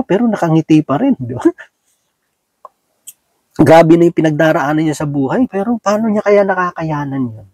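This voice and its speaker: A Filipino man preaches in a relaxed, talky way, often asking his listeners if they agree. His voice sits a little high for a man. The sound is dry and close, with no room echo. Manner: folksy, asks "di ba?" often, acts out little scenes. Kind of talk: conversational sermon.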